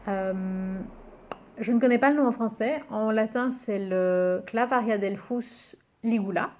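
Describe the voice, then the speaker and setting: A woman presenting a card game in a casual video, cheerful and amused, pausing often with fillers and reading titles slowly. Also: on the high side, darkish tone, slight background noise. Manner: hesitant, many fillers, muses aloud over names; reads English card titles slowly and carefully. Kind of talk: casual show-and-tell presentation.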